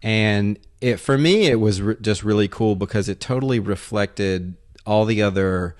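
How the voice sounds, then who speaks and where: A man co-hosting a podcast, telling rambling, animated anecdotes in casual chat. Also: on the low side, moderate pace. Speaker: podcast co-host.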